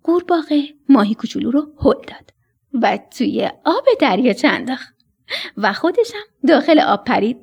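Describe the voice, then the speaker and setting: A woman's voice: sits high, husky. A woman narrating a children's story expressively, sometimes sinking to a whisper at tense moments. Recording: soft music behind the voice.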